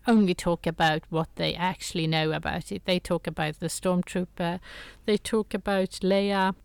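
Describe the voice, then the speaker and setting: A Swedish woman with a Swedish accent appears as a guest in a casual interview, speaking as a toy photographer with hesitant restarts and frequent laughter. Her voice is fairly low, clear and resonant, with no room sound.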